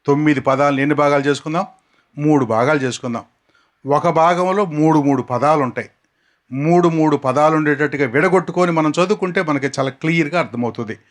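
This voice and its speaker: A male preacher with a fairly high voice, teaching a gathered congregation. He stretches key words out slowly and has the crowd repeat them after him, shifting between brisk explanation and drawn-out drilling. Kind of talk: outdoor sermon teaching scripture words. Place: outdoors in the sun.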